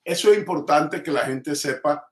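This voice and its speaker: Slightly high in pitch and moderately paced, a man hosts a community TV interview by video call from his home, in a room with bookshelves. His delivery is emphatic and rhetorical, full of hesitant fillers, and the recording has the echo of a roomy home room.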